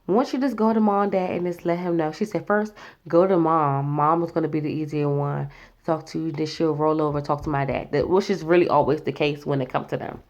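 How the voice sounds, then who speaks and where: A woman's voice: low voice, steady tone, a little fast, darkish tone. A woman in her twenties telling a personal story in a casual, chatty way, acting out what others said. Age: 20s. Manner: chatty, acts out quoted voices. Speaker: vlogger.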